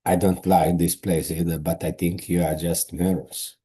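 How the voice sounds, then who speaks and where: A man voicing a calm, loyal male space lieutenant, in a slow, careful read. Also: deep voice, breathy edge. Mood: steady. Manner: slow careful reading with stumbles.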